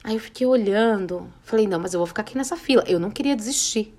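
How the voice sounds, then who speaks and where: Animated Brazilian woman telling a story. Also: mid-range voice, fast. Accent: Brazilian, São Paulo area. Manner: animated, acts out quoted dialogue. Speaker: podcast host. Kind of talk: casual storytelling podcast.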